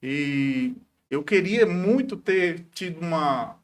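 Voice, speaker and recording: A man of about forty from Paraíba, in northeastern Brazil, speaks slowly in a slightly high voice with lively intonation. He is a pastor appearing as an interview guest, giving a devout personal testimony in conversation and often tacking on short tag questions.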